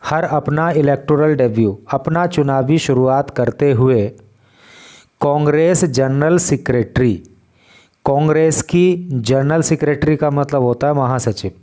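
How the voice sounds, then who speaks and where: Slow, mellow-voiced male Hindi teacher. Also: on the high side. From India. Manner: slow, patient word-by-word explanation. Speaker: English teacher. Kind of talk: explaining newspaper vocabulary in Hindi.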